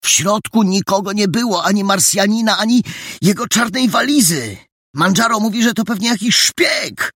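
A man voicing an excitable, breathless boy detective who shouts his news. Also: on the high side, measured pace, husky, no room sound, clean studio sound, pitched above the performer's own voice, full character voice. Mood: excited.

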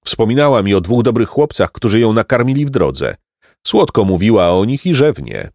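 A man voicing a kindly, wise hermit over a hundred years old, speaking gently and with a chuckle, in a storybook reading. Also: on the low side, sing-song, moderate pace, no echo, clean studio sound, pitched above the performer's own voice. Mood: gentle. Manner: gentle, sweet-voiced, chuckling. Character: kindly ancient male hermit, wise and merry.

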